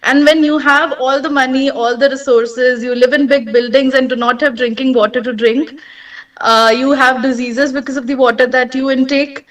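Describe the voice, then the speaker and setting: A young Indian woman co-founder speaking earnestly over a remote link. Her voice sits high and sounds distant from the mic. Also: steady tone, moderate pace, fairly bright tone. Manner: earnest, heartfelt. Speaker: startup co-founder. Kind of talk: remote presentation.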